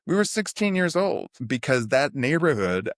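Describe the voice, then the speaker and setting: A middle-aged man from New City, telling stories as a podcast guest in a rambling, animated way full of fillers. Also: medium pitch, moderate pace, dry recording, clean studio sound. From New York City (Queens). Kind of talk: casual storytelling interview.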